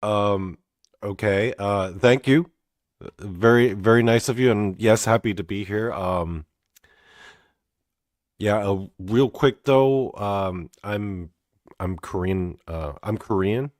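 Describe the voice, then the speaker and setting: Host, young guy from canada, deep voice, dry close sound, halting and awkward. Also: no echo. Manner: halting, awkward, heavy on fillers. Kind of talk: comedy interview show.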